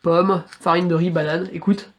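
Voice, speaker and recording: A man's voice: high-pitched, flat delivery, moderate pace, noisy background. A young man, a trail runner, recounting his race in a casual, slangy and crude storytelling manner.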